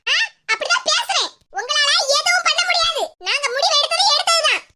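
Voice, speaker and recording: A woman voicing an angry, sharp-tongued older mother-in-law in an animated cartoon, speaking with a Kanyakumari Tamil accent. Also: extremely high pitch, brisk, heavy background noise. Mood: angry, scolding. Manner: scolding, combative.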